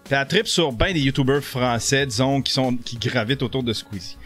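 A middle-aged man with a Quebec French accent giving casual live commentary on a video as a streamer, jokey and animated, stumbling over his words. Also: mid-range voice, fairly quick, faint music behind.

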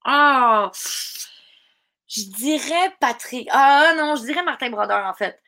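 A woman's voice: high voice, animated, slow, bright, forceful tone. A woman with a Québécois accent, a dubbing actress chatting casually as a guest and laughing often. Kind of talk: casual interview chat.

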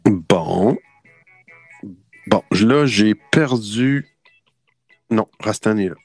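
A man's voice: fairly low pitch, lively intonation, drawn-out words, darkish tone, slightly rough, faint music behind. A man with a Québécois French accent hosting a casual online quiz show, playful and chatty. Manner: playful, chatty, laughs often. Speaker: quiz host.

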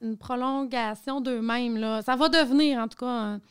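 A woman's voice: a little high, steady tone, moderate pace, smooth. A woman with a Quebec French accent, a mother of a toddler, explaining things thoughtfully with many hesitations. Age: adult with a young child. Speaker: panel guest. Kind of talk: casual panel discussion.

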